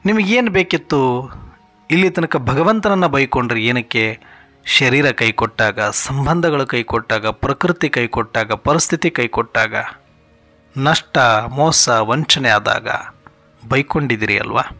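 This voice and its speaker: A man's voice: mid-range voice, animated, normal speed, bright, forceful tone, faint music behind. A man giving an earnest devotional sermon, asking one rhetorical question after another and speaking in God's voice to his children. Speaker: spiritual speaker.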